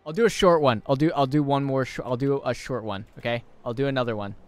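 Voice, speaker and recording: A man's voice: medium pitch, fast talker, darkish tone, clear, resonant tone, no echo. A man giving casual, rambling live-stream commentary on a game, amused and often repeating himself.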